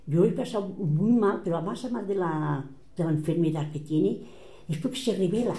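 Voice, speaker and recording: A woman's voice: mid-range voice, dark tone, reverberant. An older woman with a Catalan accent tells family stories aloud and acts out the voices of the people she quotes. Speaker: relative recounting family history. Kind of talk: oral family storytelling.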